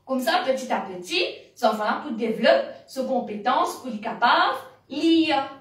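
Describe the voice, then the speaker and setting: High-voiced woman teaching syllables. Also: animated, fairly bright tone. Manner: slow, spells out letters and syllables. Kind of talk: reading lesson for parents. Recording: roomy, distant mic.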